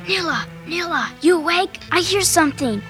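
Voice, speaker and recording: A bold, curious boy in a kids' radio play. his voice is very high and lively, and music hums under it. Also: moderate pace. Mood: eager. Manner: daring, eager.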